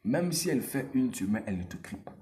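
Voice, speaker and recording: Speaking fast in a mid-range voice, a man gives casual dating advice directly to the viewer. He's animated, repeats himself, and leans on street slang.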